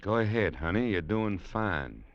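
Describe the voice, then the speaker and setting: An actor playing a tough young gunslinger who also narrates, clipped and wry, in an old radio drama. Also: male voice, lowish voice, very animated, a little slow. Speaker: narrator and lead. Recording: dull old radio recording.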